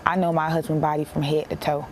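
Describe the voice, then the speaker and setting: A young American woman, a bereaved military widow, gives an emotional personal account in a broadcast interview. Her low, level voice shows little pitch movement, and she tells it plainly and haltingly with emphatic repetition. Some background noise can be heard.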